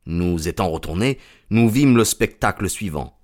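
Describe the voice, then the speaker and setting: Male narrator, lower voice, steady measured storybook reading.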